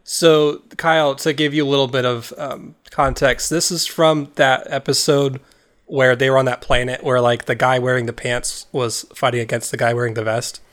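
A man's voice: mid-range voice, little pitch movement, normal speed, fairly bright tone. A man hosting a casual podcast, chatting loosely. He rambles and restarts his sentences often, trailing off as he explains. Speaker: podcast host. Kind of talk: casual chat.

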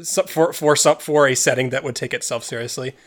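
A man's voice: mid-range voice, fairly quick. Casual rambling male podcast host. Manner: loose, rambling, stumbles and restarts. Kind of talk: casual chat.

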